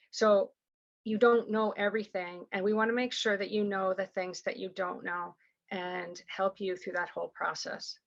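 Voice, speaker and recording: A woman from a surrogacy agency who explains things quickly over a video call, rambling with many fillers and restarts. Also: mid-range voice, a bit bright, dull audio. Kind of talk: online information session, explaining and answering questions.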